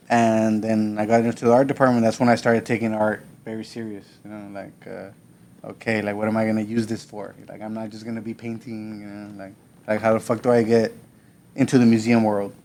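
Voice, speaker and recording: Thirties guy from south texas, podcast guest, chill and rambly, lots of um and like. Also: lowish voice. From South Texas, USA. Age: 30s. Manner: relaxed, laid-back, many fillers and restarts. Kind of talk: casual conversational storytelling.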